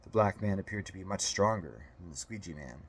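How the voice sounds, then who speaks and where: A man narrating an audiobook in a steady, measured storytelling manner. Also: sits low, slight background noise.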